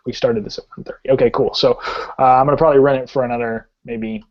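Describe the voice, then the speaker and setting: A man narrating a tabletop game as game master, describing the action in a halting way with many restarts. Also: medium pitch, fairly even intonation. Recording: dull lo-fi audio.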